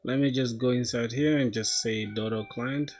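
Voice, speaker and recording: A young man from South Sudan live-streaming his coding, thinking aloud in a slangy, casual way with bursts of excitement. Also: mid-range voice, normal speed. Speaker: coding livestreamer.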